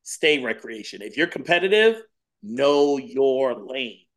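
A man in his thirties, a dance acrobatics coach chatting as a podcast guest, telling stories with animated energy and repeating phrases for emphasis. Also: mid-range voice, slow pace. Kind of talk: casual interview chat.

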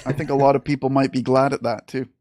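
A man hosting an interview, asking quick questions and answering with upbeat praise. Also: medium pitch, flat delivery, warm tone, dry recording, studio quality. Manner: upbeat, affirming. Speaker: interview host.

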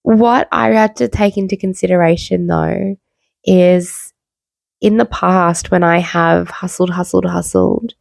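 Female podcast host, unwell and low on energy, informal and candid, lowish pitch with fry, dry close room. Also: fairly even intonation, a little slow, a little mellow, dry recording. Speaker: podcast host, wellbeing coach. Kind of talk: personal podcast monologue. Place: bedroom, sitting on bed. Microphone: makeshift mic, not usual podcast microphone.

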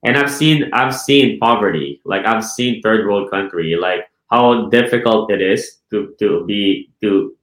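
A man's voice: lowish voice, a little slow, few pauses, fairly bright tone, reverberant, low-quality recording. A man from the Philippines, a real estate team leader, talks casually in an interview, often checking with "right?" and restarting his sentences. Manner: repeats words and restarts, asks "right?" often.

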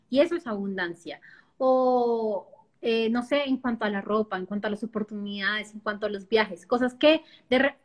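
A woman, talking enthusiastically as a podcast guest and acting out little inner voices. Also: fairly high pitch. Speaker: guest speaker on abundance. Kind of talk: casual podcast conversation.

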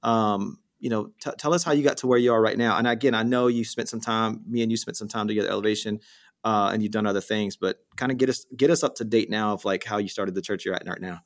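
A man's voice: on the low side, fairly even intonation, fast. A man hosting a casual interview, talking informally in long, rambling questions that he interrupts himself. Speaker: interview host.

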